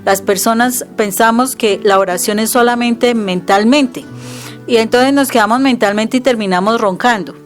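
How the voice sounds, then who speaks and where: A middle-aged woman with a Colombian accent and a fairly high voice gives religious teaching in a conversational way. She is earnest and emphatic, often quoting scripture aloud. Soft music plays faintly behind her. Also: normal speed. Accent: Colombian Spanish.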